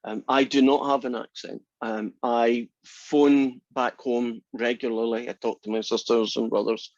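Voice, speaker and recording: A Scottish math instructor in his sixties jokes and teases as he opens his class. His medium-pitched voice is level, unhurried and a little mellow, with no room sound, and the recording is slightly dull and lo-fi.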